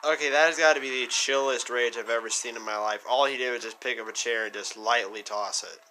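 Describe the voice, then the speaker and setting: Very bright, forceful man reacting casually. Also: medium pitch, fairly even intonation, brisk, a little hiss or hum, rough recording. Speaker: reaction video host.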